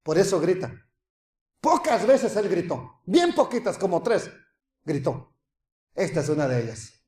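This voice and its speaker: Dramatic high-voiced preacher in an echoey room. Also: male voice, big pitch swings, unhurried. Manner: dramatic, acts out quoted voices, swings from loud to hushed. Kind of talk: sermon.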